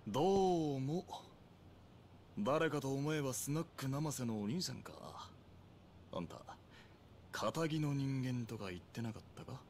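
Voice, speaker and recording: An actor playing a sardonic young real estate enforcer in a video game, with rough, insolent yakuza-style street speech. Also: male voice, mid-range voice, unhurried, long pauses, darkish tone, slight background noise, lightly acted. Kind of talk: video game drama acting.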